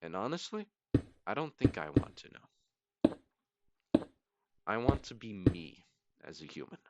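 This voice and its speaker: Very deep, gravelly, weary man. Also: big pitch swings. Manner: weary, halting and brooding, trailing off. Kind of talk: late-night rambling solo monologue. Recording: clearly noisy amateur recording with clicks.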